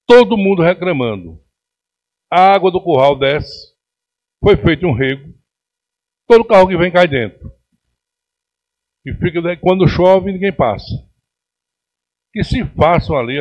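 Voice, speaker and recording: A middle-aged man with a Pernambuco accent, speaking as a city councillor from the podium of a council chamber. His voice sits a little high for a man, and he presses his complaints with indignant emphasis. The sound is dull and lo-fi, like a chamber broadcast feed. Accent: Pernambuco Brazilian Portuguese. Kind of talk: plenary speech. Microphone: podium microphone on stand.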